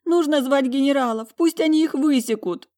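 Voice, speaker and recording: A woman reading an audiobook voices a tearful young woman who pleads and sobs in a high, loud voice. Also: moderate pace, close to an everyday voice. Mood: sobbing, pleading. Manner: sobbing, pleading and shrill.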